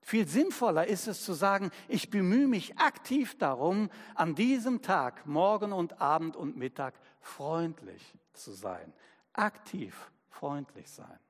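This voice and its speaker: A man preaching a sermon as pastor, slow and emphatic, using everyday examples. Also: sits high, very animated, slightly rough, long reverb tail.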